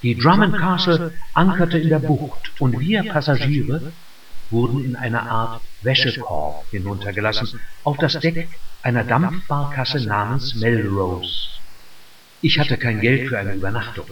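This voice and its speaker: Man slowly reading a memoir for radio, measured, dull roomy old broadcast sound. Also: mid-range voice, animated, far from the mic. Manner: slow, measured storytelling.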